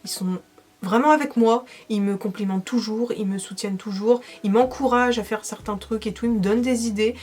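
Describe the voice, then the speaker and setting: A woman's voice: a little high, brisk, a little mellow, slightly rough. A young woman with a French accent, a makeup vlogger chatting casually to camera as she answers viewer questions, enthusiastic and full of fillers.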